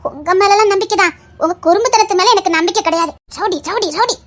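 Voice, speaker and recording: A woman's voice: very high-pitched, fast talker, a bit bright. A woman with a Tirunelveli accent playing a young lover who fusses over him and scolds him tenderly. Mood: pleading, teasing. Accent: Tirunelveli Tamil. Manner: scolding, fussing, affectionate. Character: young woman Anandhi, doting and fussy lover. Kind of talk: web series drama.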